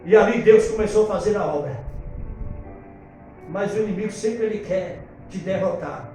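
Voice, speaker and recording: A man, a pastor preaching an animated storytelling sermon to his congregation on a handheld microphone. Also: sits high, normal speed. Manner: animated, addresses congregation as brothers. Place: church hall. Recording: echoey church room from far off, faint music.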